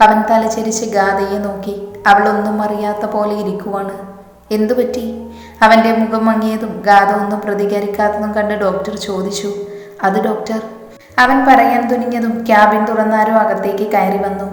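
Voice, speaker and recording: A woman reading a romance story aloud in a steady, gentle way. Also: mid-range voice, brisk. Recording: echoey reverberant room.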